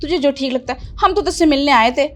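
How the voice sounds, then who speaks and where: A woman playing a meddlesome, sharp-tongued mother who scolds and taunts her daughter. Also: sits high, fairly quick, soft background music, natural voice. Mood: scolding. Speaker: mother-in-law character. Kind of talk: family drama acting.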